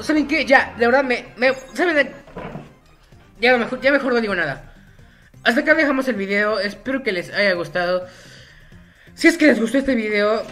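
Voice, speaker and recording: A man's voice: sits high, bright, forceful tone. A young man, a gaming YouTuber, giving casual gameplay commentary in a jokey, rambling way and getting easily frustrated.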